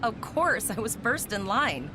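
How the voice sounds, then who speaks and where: An actress playing an eager, teasing young starship cadet in scripted, chatty game dialogue. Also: female voice, on the high side, sing-song, measured pace. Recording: clear game ambience noise behind.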